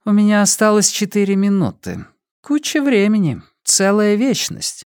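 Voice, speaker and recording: A man voicing a cold, mocking female killer creature who speaks softly with a smile, in an audiobook. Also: medium pitch, very animated, normal speed, clear, resonant tone, no room sound, clean studio sound, voice pushed up, close to an everyday voice. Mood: coolly menacing. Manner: soft-spoken smiling menace.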